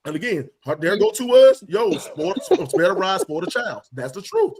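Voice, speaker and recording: A man's voice: high voice, huge pitch swings, normal speed, crowd noise. A man on a podcast who talks with features, insisting on his point and repeating himself to hold the floor. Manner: insistent, repeats phrases, frequent "mm-hmm". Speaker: podcast co-host. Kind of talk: casual group debate.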